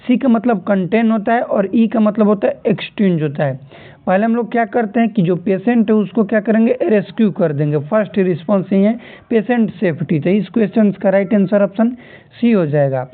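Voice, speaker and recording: A man going through nursing exam questions as a tutor, repeating key terms and telling students to remember them. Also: high voice. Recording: tinny phone-like audio.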